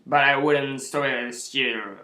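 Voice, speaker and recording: A man's voice: mid-range voice, unhurried, pushed and bright. A man talking casually in fake English gibberish that mimics the sound of everyday conversation. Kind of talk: improvised casual chat in nonsense words. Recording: roomy, echoing sound.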